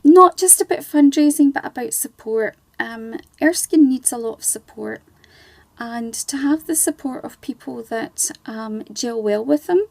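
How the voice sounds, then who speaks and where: A middle-aged Scottish woman chats casually as a guest on a charity radio show, using lots of ums and laughing easily. Her high voice is warm with some vocal fry, and there is no echo.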